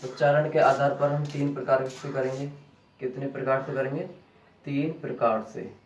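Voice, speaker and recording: A man teaching a grammar lesson slowly, repeating key terms back as questions to his students. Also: medium pitch, fairly even intonation, a little hiss or hum. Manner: slow and deliberate. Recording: echoey room, voice from a distance.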